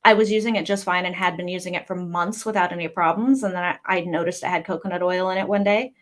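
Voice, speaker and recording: A woman's voice: lowish voice, steady tone, fast. A woman hosting a casual writing livestream from home, reading viewer comments aloud and rambling between them with lots of fillers. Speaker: livestream host.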